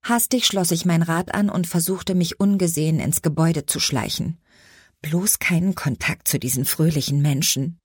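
A woman reading a first-person audiobook in a measured, expressive storytelling manner. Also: deep voice, slightly rough, no room sound, studio quality. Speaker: audiobook narrator.

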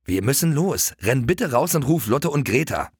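A man's voice: medium pitch, sing-song, moderate pace, darkish tone, breathy edge, no echo, clean studio sound, pitched above the performer's own voice. A man voicing an impatient, cocky male pony in an audiobook, talking in a pushy, eager way. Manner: pushy, eager, slightly bossy.

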